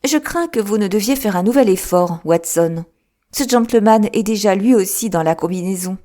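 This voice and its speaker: A woman voicing a sharp, composed male detective in an audiobook, with a lifted, emphatic delivery. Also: mid-range voice, expressive, moderate pace, pitched above the performer's own voice, close to an everyday voice. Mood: amused. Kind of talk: audiobook character reading.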